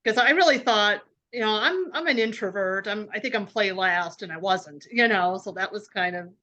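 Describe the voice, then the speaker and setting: A woman's voice: medium pitch, normal speed, pushed and bright. A woman co-hosting a podcast chat, hesitant, repeating words as she thinks aloud. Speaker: podcast co-host. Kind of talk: casual panel chat.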